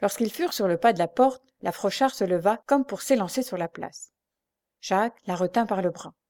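A woman reading a classic novel aloud as narrator, steady and measured. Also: medium pitch.

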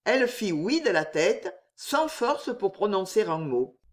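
Female audiobook narrator, theatrical delivery, unhurried, very lively intonation. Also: medium pitch.

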